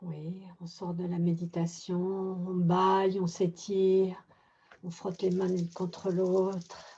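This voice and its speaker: A woman leading a group meditation on a video call, talking gently and unhurriedly, often restarting her phrases. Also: fairly low pitch, monotone, slow, husky. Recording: muffled video-call audio.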